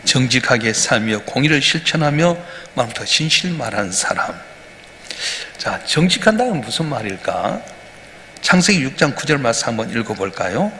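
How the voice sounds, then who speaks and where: A man's voice: mid-range voice, sing-song, normal speed, pushed and bright, a little hiss or hum. A male pastor gives an emphatic early-morning sermon, asking his congregation questions as he goes. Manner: emphatic preaching with rhetorical questions. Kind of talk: dawn prayer sermon. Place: church sanctuary. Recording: reverberant church hall, faint ambience.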